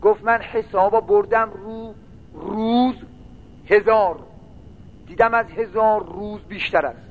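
A man's voice: sits high, fairly even intonation. A man preaching a sermon, telling a long religious story and building into mournful chanting. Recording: tinny phone-like sound with faint noise.

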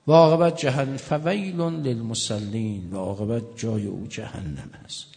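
A man's voice: medium pitch, vocal fry, mellow, big-room sound. A male cleric preaching a sermon, telling stories with joking asides. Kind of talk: sermon with anecdotes.

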